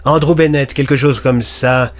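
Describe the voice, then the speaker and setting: A man voicing a brisk, matter-of-fact school principal. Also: mid-range voice, steady tone, close to an everyday voice.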